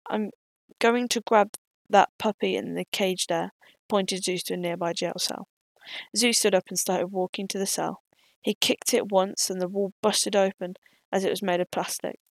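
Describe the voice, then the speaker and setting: A woman's voice: mid-range voice, steady tone, moderate pace, gravelly, no room sound. A woman reading aloud her own adventure story, with small slips and restarts.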